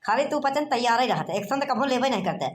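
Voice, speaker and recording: A performer voicing a hot-headed young village man in a cartoon comedy, shouting threats in a rough Awadhi accent. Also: medium pitch, expressive, quick pace, slight background noise, close to an everyday voice. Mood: indignant.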